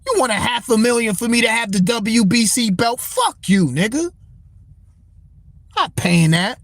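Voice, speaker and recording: A man's voice: extremely high pitch, lively intonation, unhurried, a bit bright, no room sound. A young man hosting a casual boxing talk livestream, speaking, blunt and profane as he answers his chat. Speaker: livestream host.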